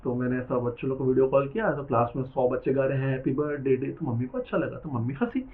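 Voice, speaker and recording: Fast-talking male lecturer, tinny. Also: mid-range voice. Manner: teasing, chatty, switches into English phrases. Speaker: accounting exam lecturer. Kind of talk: classroom lecture with storytelling. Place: classroom with students. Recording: tinny phone-like lecture recording.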